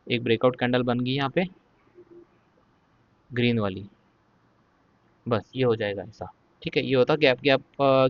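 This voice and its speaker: A man's voice: mid-range voice, no echo, dull audio. Man walking through market charts. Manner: explains step by step, repeats "ठीक है" often, says he will speak slowly. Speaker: stock market trading educator. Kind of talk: casual chart walkthrough.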